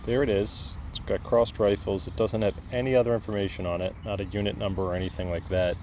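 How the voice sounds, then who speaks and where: A man's voice: fairly low pitch, little pitch movement, fast, darkish tone. A man casually narrating a metal detecting vlog outdoors, thinking aloud a little hesitantly as he goes. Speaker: metal detecting hobbyist showing finds. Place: outdoors in a field or yard. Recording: clear outdoor background noise.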